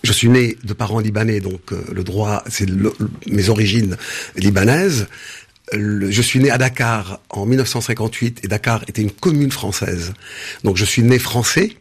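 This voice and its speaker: A man in his sixties from Senegal, answering interview questions in a measured way with frequent hesitations and restarts. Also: on the low side, husky. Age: 60s. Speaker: interview guest, business founder.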